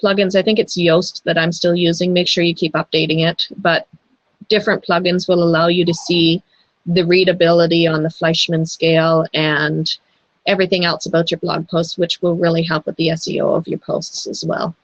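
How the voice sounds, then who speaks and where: A woman's voice: fairly low pitch, little pitch movement, moderate pace, dry recording. A woman co-hosting a casual online chat, giving earnest advice and repeating her warnings, heard over a video call. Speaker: co-host. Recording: dull lo-fi online call audio.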